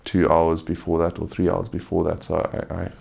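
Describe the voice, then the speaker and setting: A man giving a casual, unscripted personal update, sounding subdued and halting, weary and sore-throated after surgery, with a gravelly voice. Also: low voice, monotone, a little mellow, highs cut off. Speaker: vlogger giving a recovery update.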